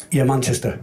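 A man with a Salford accent giving a halting, self-deprecating award acceptance speech at an indoor event. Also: mid-range voice, vocal fry, a little mellow. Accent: Northern English, Salford. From England. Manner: hesitant, self-deprecating, many restarts. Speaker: award winner giving thanks.

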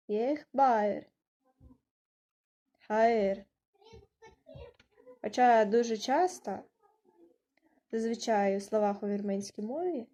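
A woman's voice: fairly high pitch, warm tone, lo-fi sound. A woman teaching an online language lesson, patiently spelling out words letter by letter.

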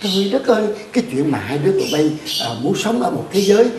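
A man in his sixties with a southern Vietnamese accent, acting a chiding but conciliatory father in a comedy skit, halting and repeating words. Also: sits high, very animated, noisy background. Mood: exasperated. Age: 60s. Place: tiled living room. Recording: echoey room, background crowd sounds.

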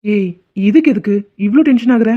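A man's voice: sits high, fairly quick. A man voicing a sensitive young student who grew up without parents, in a cartoon. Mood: defensive. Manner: pleading, tearful. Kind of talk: animated cartoon voice acting. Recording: tinny phone-like sound.

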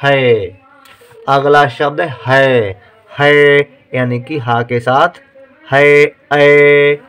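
A man teaching how to write words, slowly sounding out each syllable and repeating words like dictation. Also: mid-range voice, steady tone, a bit bright, clear, resonant tone, dull audio. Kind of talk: slow dictation-style writing lesson.

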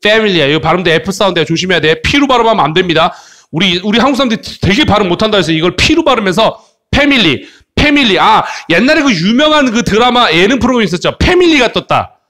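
A man who teaches English to children in a playful, joking way, mixing explanation with slow English phrases. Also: high voice, animated, fairly bright tone. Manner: playful, jokey, switches between Korean explanation and slow English. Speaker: English tutor. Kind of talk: animated English lesson for children.

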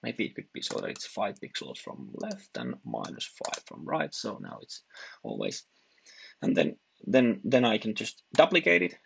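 A man narrating a screen-recorded software tutorial, talking haltingly with frequent restarts and fillers as he clicks through. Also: on the low side, huge pitch swings, gravelly, slight background noise.

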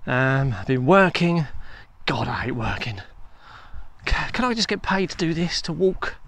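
Man vlogging on a walk, rambling and self-deprecating, slightly higher voice, handheld phone mic outdoors. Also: very animated, unhurried, a bit bright. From England. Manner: rambling, chatty, self-mocking. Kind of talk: casual walking vlog chat. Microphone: handheld phone camera.

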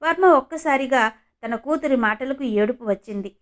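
A woman reading a scripted story as narrator, in an even storytelling manner. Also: sits high, moderate pace.

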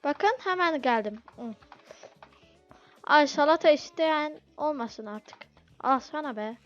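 Woman gamer, high voice, flustered running commentary; dull lo-fi recording, light music underneath. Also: animated, takes it slowly, a bit bright. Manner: flustered, pleads with impatient customers. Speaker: gameplay video host. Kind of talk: casual gameplay commentary. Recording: dull lo-fi audio with game music.

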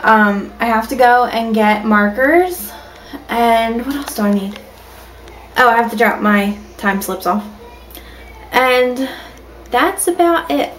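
A woman's voice: fairly high pitch, slow pace, long pauses, slight background noise, low-quality recording. A woman vlogging from home in a casual, rambling way, with lots of ums and restarts. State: has the hiccups. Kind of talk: casual vlog chat. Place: at home, indoors.

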